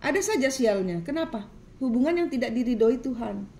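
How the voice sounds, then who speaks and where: Preachy woman tarot reader, mellow voice. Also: a little high, expressive, fairly quick. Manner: preachy, repetitive, scolding. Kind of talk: tarot reading monologue.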